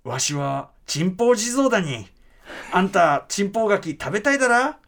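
A man's voice: high-pitched, very animated, moderate pace, vocal fry, a bit bright, heavily acted. A man voicing an old male jizo statue spirit from a folk tale, speaking with a Mikawa dialect and reading in a sing-song storybook manner. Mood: folksy.

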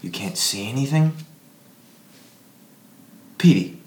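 A man voices a bossy young man who snaps and hisses orders, his low voice swinging widely, bright and forceful. It sits in a roomy, echoing space with faint ambience behind. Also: animated, slow. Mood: worried. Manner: urgent, snapping, hissed commands. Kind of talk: audio drama acting.

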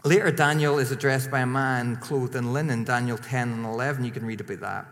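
A man preaching a sermon in a lively, emphatic way, rising to strong peaks and then dropping quiet. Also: medium pitch, fairly quick. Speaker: pastor. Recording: long hall reverb.

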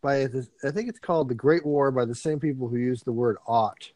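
A man's voice: mid-range voice, a little fast, a little mellow, no room sound. A man co-hosting a casual comedy podcast, rambling and laughing often as he talks. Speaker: podcast co-host.

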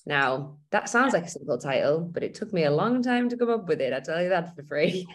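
A woman's voice: fairly low pitch, expressive, fairly quick. A woman co-hosting a health and fitness podcast, chatting casually and rambling with fillers as she explains. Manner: rambling, many fillers and restarts. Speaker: podcast co-host.

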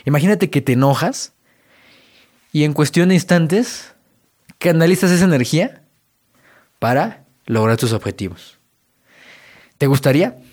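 A man's voice: fairly high pitch, lively intonation, measured pace, pauses often, a little mellow. A man with a Mexican Spanish accent hosting a self-help podcast, talking straight to the listener in a casual, direct monologue. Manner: direct, conversational, addresses listener as tú. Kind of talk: motivational monologue.

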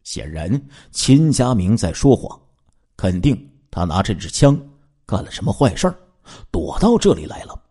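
Husky, animated male crime storyteller. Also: fairly low pitch, moderate pace. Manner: dramatic storyteller with asides to listeners. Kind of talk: spoken true-crime narration.

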